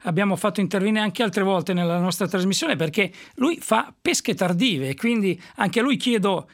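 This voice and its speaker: A man's voice: high-pitched, lively intonation, normal speed, gravelly. A man hosting a radio show, interviewing guests in a chatty, conversational way. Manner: chatty, repeats short acknowledgements.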